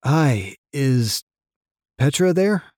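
A man's voice: lowish voice, lively intonation, slow pace, no echo, studio quality. Man doing a shaken, hesitant young man. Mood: nervous. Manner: hesitant, nervous.

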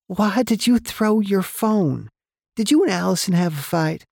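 A man's voice: high voice, animated, unhurried, gravelly, darkish tone, no room sound, studio quality, pitched above the performer's own voice, full character voice. A man voicing a chatty, motherly middle-aged woman from the office who fusses and frets. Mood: fussy. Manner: fussy, fretting, talkative.

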